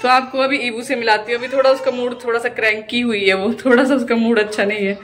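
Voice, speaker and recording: A woman's voice: fairly high pitch, fairly even intonation, quick pace, fairly bright tone, a little hiss or hum. A woman in her thirties, a vlogger chatting casually as she walks through a rented apartment and points out the rooms. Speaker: vlogger giving a home tour. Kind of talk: casual home tour narration.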